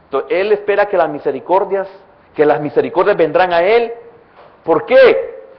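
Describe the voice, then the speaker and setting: A man from El Salvador with a Salvadoran accent, a pastor preaching a sermon in church, swinging between loud emphatic bursts and soft low asides. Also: a little fast, highs cut off. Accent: Salvadoran Spanish.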